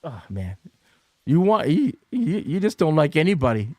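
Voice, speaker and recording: A man's voice: on the high side, very animated, normal speed, darkish tone, no echo. Chatty man streaming a baseball game. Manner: chatty, reacts to chat messages, swears. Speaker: livestreamer playing a baseball video game. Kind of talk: casual livestream chat.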